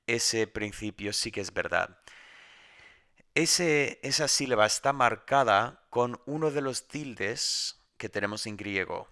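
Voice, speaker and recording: Male teacher giving a recorded lesson at home; bright, resonant voice, patient explanation. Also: on the low side, clean tone. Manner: explanatory, with many restarts. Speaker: Greek teacher.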